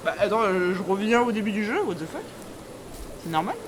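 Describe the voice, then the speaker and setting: A woman's voice: medium pitch, expressive, fairly quick, background noise. A woman streaming a horror game live, chatting informally and jokingly to viewers with scared, easily startled reactions.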